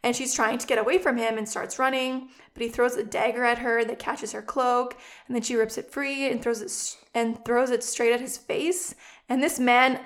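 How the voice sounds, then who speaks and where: A young woman casually recapping a book's plot to a co-host, in a relaxed storytelling way. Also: a little high, normal speed.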